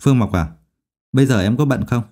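A man's voice: mid-range voice, brisk, close to an everyday voice. Man voicing a cold, stern old professor. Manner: quiet but cold.

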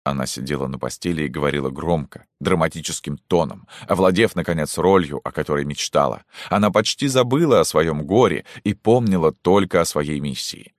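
A man calmly reading a classic novel aloud as an audiobook narrator. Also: very deep voice, no room sound, clean studio sound. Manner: calm, measured reading.

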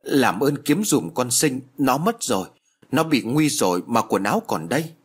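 A man voicing a frantic peasant mother who cries out in a high, panicked voice. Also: expressive, fairly quick, a bit bright, husky. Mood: wailing.

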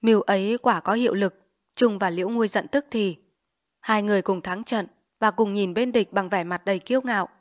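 A woman narrating a dramatized novel reading, acting out each character in a lively way. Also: mid-range voice, fairly quick, no room sound, studio quality. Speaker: audiobook narrator.

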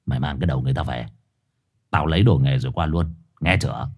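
A man's voice: a bass voice, quick pace, a little mellow, voice pushed down. A man voicing a swaggering male village exorcist who teases coarsely and mockingly. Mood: gruff. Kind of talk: storytelling voice acting.

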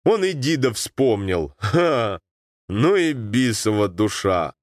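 A man voicing a gruff, jovial older boat skipper with a Ukrainian accent, scolding warmly. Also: fairly low pitch, big pitch swings, takes it slowly, no echo, studio quality.

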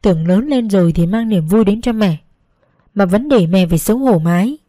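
A woman narrating an emotional first-person story in a slow, gentle, measured reading. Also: mid-range voice, animated, no echo. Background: faint background music.

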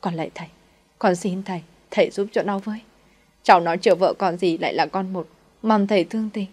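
A woman reader plays a poor old mother in a storybook tale. She begs humbly and tearfully. Her pleading voice sits a little higher and thinner than the narration. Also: brisk, a little mellow, slightly rough, lightly acted.

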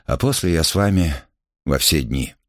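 A man reads a sick revolutionary leader lying in bed, his speech faint and strained as he pleads with those around him. The voice is very deep and dry, close to the mic, and its pitch still rises and falls a great deal. It belongs to a spoken storybook. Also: lively intonation, normal speed, no echo. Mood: weak. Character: weak, ailing male revolutionary leader in bed.

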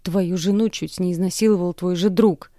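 A woman playing a furious teenage daughter who shouts defiantly at her family, her voice straining. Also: lowish voice, fairly quick, no room sound, studio quality, lightly acted.

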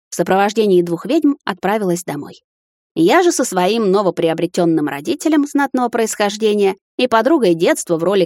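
A woman reading a first-person fantasy audiobook in a measured storytelling voice. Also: medium pitch, darkish tone, no echo, clean studio sound. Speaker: audiobook narrator.

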